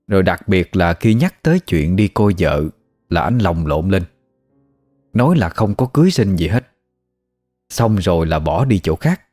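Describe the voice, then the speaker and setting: A man's voice: fairly low pitch, a little mellow. A man with a Southern Vietnamese accent narrating a ghost story in a conversational, folksy way. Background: faint music.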